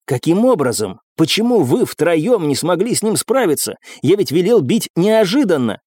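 A man's voice: a little high, animated, moderate pace, darkish tone, dry recording, studio quality, pitched above the performer's own voice, lightly acted. A man voicing a cold, scheming male captain who speaks in a clipped, insinuating manner. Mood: irritated.

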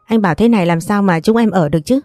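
A woman's voice: mid-range voice, fast talker, mellow, dry recording, clean studio sound, soft background music, natural voice. A woman voicing a pushy, scheming middle-aged sister-in-law who wheedles and complains. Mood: angry.

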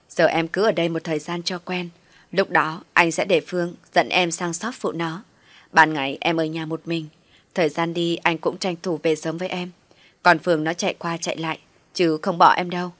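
A woman voicing a young husband who calmly reassures his wife. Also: lowish voice, no room sound. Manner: gentle, reassuring.

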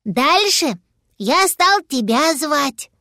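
A bright, high little dragon boy bubbles along, eager and untroubled, as a woman puts him on. He sounds like a storybook child, tiny and playful. The sound is dry and close. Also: sing-song, drawn-out words, no room sound, heavily acted. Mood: chatty. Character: excitable little boy dragon, cheerful and carefree.

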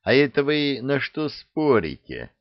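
A man's voice: mid-range voice, big pitch swings, unhurried, no room sound, voice pushed up. Alyosha, a man playing a wary young hero. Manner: cautious, wary. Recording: dull lo-fi recording.

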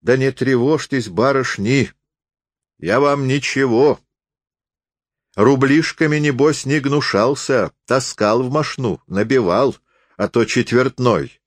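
A man's voice: mid-range voice, slow, no room sound, clean studio sound, pitched above the performer's own voice, natural voice. A man voicing a coarse, crafty peasant forester who talks in a jeering folksy drawl. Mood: coaxing.

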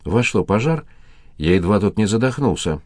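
Guy doing a whiny sly businessman, low voice, dry. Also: lively intonation, normal speed, a little mellow, no echo. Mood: whining. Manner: whining.

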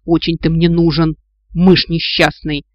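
A man voicing a feisty, sharp-tongued young woman who scolds and mocks her companions, in a storybook reading. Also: sits high, expressive, normal speed, no echo, lo-fi sound. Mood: scolding. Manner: sarcastic, exasperated, scolding.

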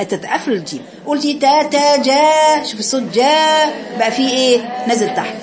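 A woman's voice: high-pitched, expressive, brisk, reverberant, crowd noise. An Egyptian woman teaching Quran recitation, patiently correcting her students and chanting the sounds herself to show them. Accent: Egyptian Arabic. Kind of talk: tajweed lesson, correcting students.

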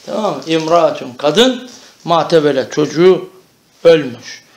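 A man's voice: on the high side, lively intonation, measured pace. A man teaching an Arabic grammar lesson, explaining step by step and often checking that the class understands.

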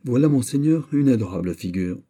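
A male reader voicing an earnest young courtier, measured and respectful, in an audiobook. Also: medium pitch, expressive, dark tone, husky, pitched above the performer's own voice. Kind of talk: audiobook character reading.

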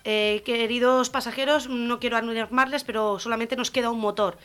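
Give me a woman playing a polite, steady airline captain making announcements. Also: fairly high pitch, normal speed, clear, resonant tone, lightly acted. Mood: formal. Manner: formal announcement tone. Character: calm male airline captain.

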